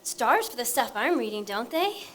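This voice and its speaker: A young woman dancer, played by an actress on stage talks straight out, without fuss. Her quips come dry and deadpan, in a voice that sits a little high. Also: moderate pace. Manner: deadpan, plain-spoken quips. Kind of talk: stage play acting.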